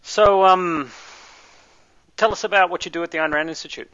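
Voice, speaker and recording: Bright-voiced interviewer from Australia, lo-fi sound. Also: male voice, high-pitched, normal speed. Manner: curious, direct questions. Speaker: interviewer, host. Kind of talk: casual interview.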